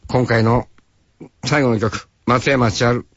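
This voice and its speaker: A man's voice: medium pitch, steady tone, takes it slowly, gravelly, a bit bright, lo-fi sound, a little hiss or hum. A man in his sixties from Hokkaido, hosting a radio show with a rambling, folksy monologue that he speaks straight to the listener. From Hokkaido, Japan. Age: 60s. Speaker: radio host.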